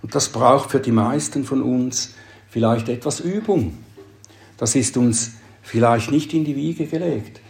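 A man delivers a sermon at an unhurried, deliberate pace, leaning on key words with rising emphasis. His voice sits at an ordinary middle pitch. The sound carries a noticeable echo, as if from a reverberant room. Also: creaky, a little mellow. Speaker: preacher.

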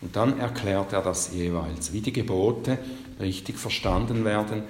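A man preaching a sermon, slow and emphatic, leaning hard on the quoted scripture. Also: on the low side. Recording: echoey hall, long reverb.

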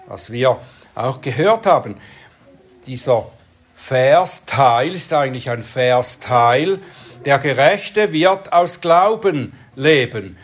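Slow, deliberate preacher. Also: medium pitch, slight background noise. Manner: slow, deliberate Bible exposition. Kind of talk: expository sermon.

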